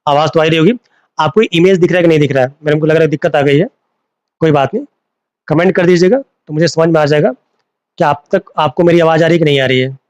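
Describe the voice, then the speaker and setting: Recorded dry on a phone, this slightly high, somewhat mellow male voice moves quickly through a live online lesson. He turns key terms into questions for his students and slips English words in.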